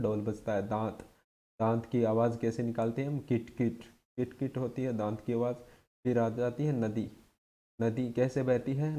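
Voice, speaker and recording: A man's voice: mid-range voice, mellow. A man teaching an exam-prep lesson, drilling his points by asking questions and answering them himself.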